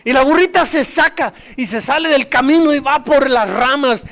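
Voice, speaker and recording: A man's voice: very high-pitched, normal speed, fairly bright tone. A man, a pastor, preaching a sermon and animatedly retelling a Bible story. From Mexico.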